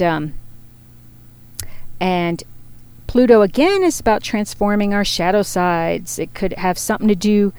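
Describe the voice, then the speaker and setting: A woman's voice: mid-range voice, darkish tone, clear, resonant tone, no room sound. A woman giving a casual spoken astrology forecast, chatty and rambling, often laughing at herself. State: feeling hot and sweaty.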